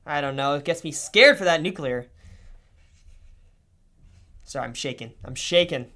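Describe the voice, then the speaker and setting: A young man livestreaming casual commentary, swearing freely and swinging between low mutters and excited outbursts. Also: measured pace.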